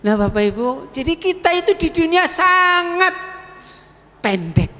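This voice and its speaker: A male preacher, giving a mosque sermon to the congregation and slowly chanting Quranic verses. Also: extremely high pitch, big pitch swings, sharp tone. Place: mosque hall. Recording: long reverb of a mosque hall.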